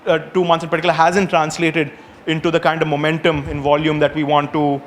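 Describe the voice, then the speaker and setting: A man presents agency work to clients in a slightly high voice. His phrasing is careful and broken by small check-in questions, with faint noise behind him. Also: level tone, a little fast.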